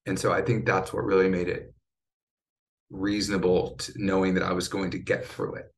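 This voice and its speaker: A man's voice: low voice, level tone, normal speed, vocal fry, slight background noise. A middle-aged man, a cancer survivor and advocate, speaking earnestly in a podcast interview and getting choked up at times.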